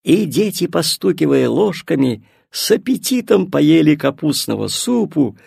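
A man reads a storybook aloud, slow and unhurried, his gravelly, husky voice rising and falling widely. The sound is dry and close. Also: on the high side, big pitch swings, a little mellow, no echo. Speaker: narrator. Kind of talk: storybook reading.

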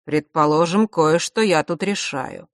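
A woman voicing a stern, imposing old man who rules, speaking slowly and gravely in an audiobook. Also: sits low, dry recording, studio quality. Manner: slow, grave, commanding.

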